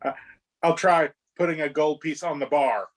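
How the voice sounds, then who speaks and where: A man's voice: a little high, moderate pace, rough recording. Stammering man playing a tabletop game. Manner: hesitant, stammering in-character speech. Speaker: player. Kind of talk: tabletop role-play.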